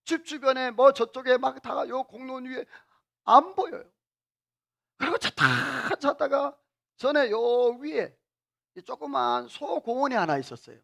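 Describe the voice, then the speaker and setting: Animated and unhurried, this middle-aged senior pastor leads his sanctuary congregation through questions and call-and-repeat phrases. His very high-pitched voice is creaky and a bit bright.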